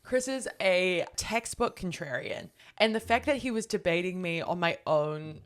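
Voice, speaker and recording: Woman host, transatlantic Kiwi accent, lower-pitched voice, dry teasing manner, conversational podcast banter. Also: expressive, moderate pace. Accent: transatlantic, softened New Zealand. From New Zealand. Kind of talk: casual banter.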